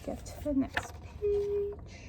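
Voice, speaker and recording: Here a woman with a very high voice reads a children's picture book, sounding expressive and encouraging as she stops to quiz her young audience. The background is noisy.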